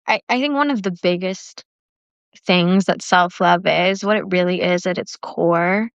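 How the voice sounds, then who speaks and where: A woman's voice: mid-range voice, no room sound. Chatty woman hosting a live session. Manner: chatty, with frequent "like" fillers. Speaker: self-love workshop host. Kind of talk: casual livestream talk after a guided meditation. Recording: dry, slightly dull lo-fi livestream audio.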